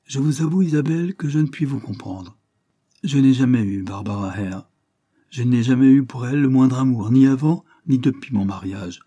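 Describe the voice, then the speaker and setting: A dignified husband speaks gently and gravely, as a male reader voices him. His husky voice has a warm, mellow color. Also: mid-range voice, expressive, fairly quick, pitched above the performer's own voice. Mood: earnest.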